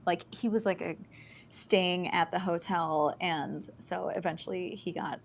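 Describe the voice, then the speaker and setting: A woman's voice: on the low side, steady tone, measured pace, gravelly. A woman streamer chatting casually and telling a story, with lots of filler words and restarts.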